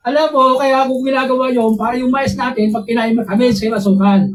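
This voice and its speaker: A man's voice: extremely high pitch, fairly even intonation, quick pace, rough recording. A preacher doing an old farming grandfather. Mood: explaining. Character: old grandfather farmer explaining planting customs.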